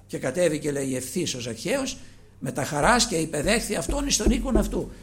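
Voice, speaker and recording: Guy preaching a sermon, high voice that jumps all over, gravelly, swings loud to quiet. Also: very animated. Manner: emphatic, swings between loud and hushed; rhetorical questions to the congregation.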